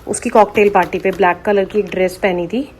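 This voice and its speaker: A woman's voice: medium pitch, steady tone, a little fast, darkish tone, slight background noise, low-quality recording. A young woman, chatting casually and at length to her vlog viewers from home. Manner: chatty, rambling, talks straight to viewers. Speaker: family vlogger.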